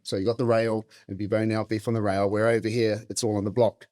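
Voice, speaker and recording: Speaking fast in a lowish, darkish voice with a level tone, this middle-aged New Zealander is a meat specialist and butcher telling casual stories as an interview guest. The studio-quality audio carries no room sound.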